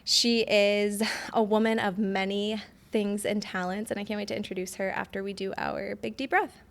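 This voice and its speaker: A woman in her twenties hosts a casual podcast in a mid-pitched voice. She sounds bubbly and effusive and says "like" often. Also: fairly even intonation, normal speed, gravelly. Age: 20s. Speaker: podcast host.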